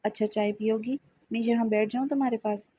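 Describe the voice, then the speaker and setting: A woman's voice: a little high, steady tone, warm tone, breathy edge. Woman reading as a teasing young husband. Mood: coaxing.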